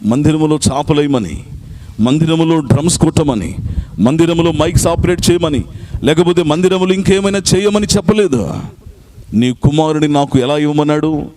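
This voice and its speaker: A male pastor preaching a sermon in a church at a night meeting, repeating scripture phrase by phrase and urging the congregation to answer loudly. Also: on the high side, normal speed, background noise.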